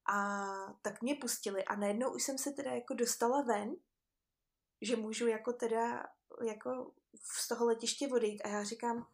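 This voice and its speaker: A young woman talks in a loose, chatty way, laughing often as she tells her story. Her voice sits a little high. She leans on fillers and restarts. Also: fairly even intonation. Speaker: guest. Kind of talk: casual storytelling chat.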